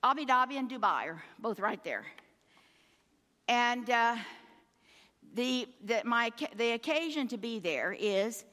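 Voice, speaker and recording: A woman's voice: a little high, lively intonation, a little slow, long pauses, bright, forceful tone, in a large hall. A woman giving an earnest sermon, exhorting her listeners and calling them her friends. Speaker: preacher.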